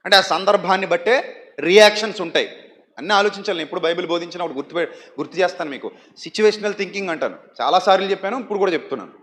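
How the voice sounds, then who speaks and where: A man's voice: high-pitched, very fast, a bit bright. A man preaching a sermon, asking the congregation questions and acting out the people he quotes.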